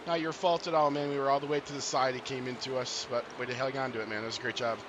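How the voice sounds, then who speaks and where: A man with an average-pitched voice talks his driver through the race as crew chief. He is casual and reassuring, with clear engine noise behind him. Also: steady tone, very fast. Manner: encouraging, reassuring.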